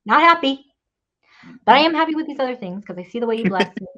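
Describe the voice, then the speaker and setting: A woman's voice: on the high side, expressive, quick pace, fairly bright tone. A woman guest telling her faith story in a candid, rambling way, with many fillers and laughs. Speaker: podcast guest. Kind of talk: faith testimony conversation.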